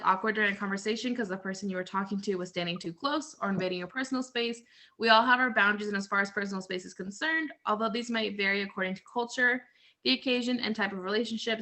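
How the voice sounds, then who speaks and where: A woman with a mid-range voice and a bright, forceful tone teaches a group casually over a video call. Her explanations rely on everyday examples and are full of "so" and "like."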